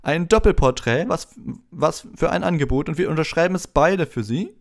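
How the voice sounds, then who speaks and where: A man voicing a vain, pompous adult wizard teacher who booms condescendingly in an audiobook reading. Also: expressive, moderate pace, creaky. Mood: patronizing. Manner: booming, condescending, self-satisfied.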